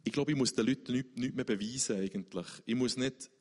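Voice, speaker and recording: A man tells his faith story as an interview guest, talking earnestly and often restarting his sentences to find the right words. His voice sits at an ordinary middle pitch. A long hall reverb trails after his words. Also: a little fast, a little mellow, slightly rough. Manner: earnest, searching, many restarts.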